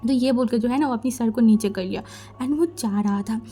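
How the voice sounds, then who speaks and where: Chatty woman storyteller, mellow voice. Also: on the high side, fairly quick, faint music behind. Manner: chatty, conversational, mixing in English words. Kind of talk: casual fan fiction storytelling.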